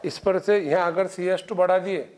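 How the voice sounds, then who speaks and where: A man's voice: high-pitched, fairly even intonation, normal speed, darkish tone. A middle-aged man teaching chemistry in a coaching classroom, lecturing and quizzing students with constant checks. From India.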